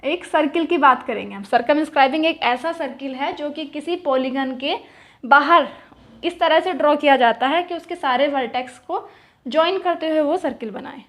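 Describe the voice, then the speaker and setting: High-voiced young woman, math lesson, asks then answers her own questions. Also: normal speed, a bit bright. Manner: asks questions and answers them herself, repeats key terms. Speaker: math teacher. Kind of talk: explaining at a whiteboard.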